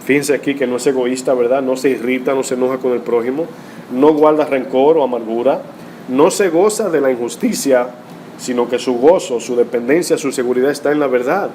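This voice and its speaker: A man's voice: mid-range voice, a little fast, mellow, a little hiss or hum. A male pastor preaching a sermon in a teaching tone, often asking rhetorical questions and reading scripture aloud. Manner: rhetorical, teaching tone with frequent "¿verdad?" tags.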